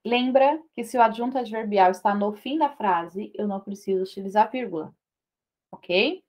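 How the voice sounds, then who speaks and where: A Brazilian woman teaching an online Portuguese grammar lesson, explaining in a lively way and checking in with short tag questions. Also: mid-range voice, normal speed.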